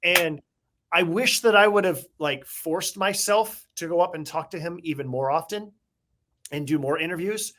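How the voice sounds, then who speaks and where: A man's voice: on the high side, fairly bright tone. A middle-aged man co-hosting a podcast, a former baseball beat writer, telling casual nostalgic stories in a reflective way. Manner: reflective, nostalgic, drawn-out anecdotes. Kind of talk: casual conversational storytelling.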